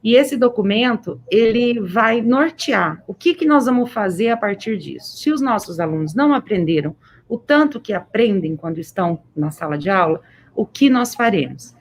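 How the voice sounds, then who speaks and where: A woman's voice: mid-range voice, animated, moderate pace. A woman with a Brazilian accent speaks through a face mask, addressing teachers informally on a livestream as an education official, effusive and emphatic, repeating words for stress.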